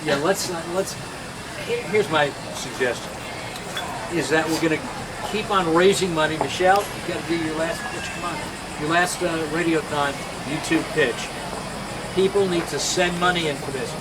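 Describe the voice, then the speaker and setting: Male host, higher-pitched, chatty and repetitive, live banter over heavy noise. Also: normal speed. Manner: chatty, repeats short phrases. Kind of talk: casual live hosting and banter. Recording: very noisy outdoor setting with hiss.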